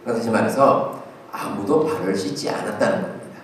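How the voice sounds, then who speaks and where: A man's voice: lowish voice, a little fast, a little hiss or hum. Guy preaching a sermon, chatty with lots of uh and rhetorical questions, really echoey church, kinda far from the mic. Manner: conversational preaching with frequent fillers and rhetorical questions. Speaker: pastor. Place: church sanctuary.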